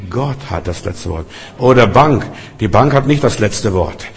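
A man preaches with a low voice, hammering home repeated refrains and swinging between loud bursts and hushed lines. His words ring out into the long reverb of a vast church hall. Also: expressive, measured pace. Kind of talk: sermon. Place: Berlin Cathedral.

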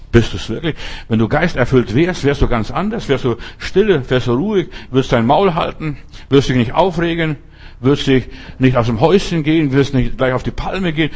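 A man gives an informal, unscripted sermon with a somewhat husky, breathy voice at an ordinary pitch. He speaks bluntly, addresses the listener directly and hammers his points home by repeating phrases. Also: a little mellow. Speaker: preacher.

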